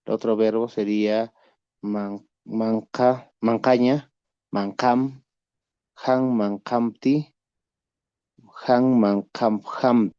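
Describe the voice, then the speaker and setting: A student reciting verb conjugations in a very slow, self-correcting way over an online class call. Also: medium pitch, fairly even intonation, mellow, no room sound, dull audio.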